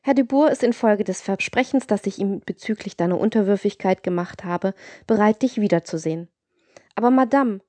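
A woman's voice: mid-range voice, a little fast, a little mellow, no room sound, close to an everyday voice. A woman voicing a scheming, greedy procuress with a boastful, coaxing manner in an audiobook reading. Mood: cold.

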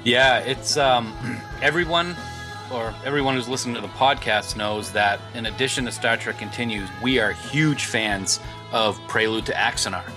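A man's voice: medium pitch, moderate pace, music in the background. A man co-hosting a podcast, chatting casually and joking around. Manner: joking, playful, laughs often. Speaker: podcast co-host.

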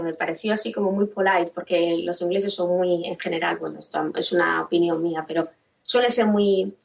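A woman's voice: mid-range voice, creaky. A woman from Spain, guest on a podcast, talking casually and thinking aloud with restarts. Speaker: podcast guest, parent and author. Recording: roomy, distant, dull remote line.

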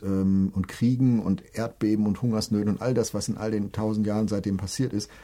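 A middle-aged man giving an earnest devotional talk, speaking directly to the listener and reading scripture slowly. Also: on the low side, mellow, husky. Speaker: preacher.

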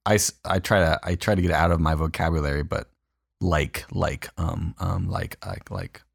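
A man's voice: low-pitched, steady tone, normal speed, gravelly, slightly rough, no echo, studio quality. A man with a Californian accent, a pastor co-hosting a podcast, joking and teasing in a casual chat. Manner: joking, teasing, reads aloud with mock gravity.

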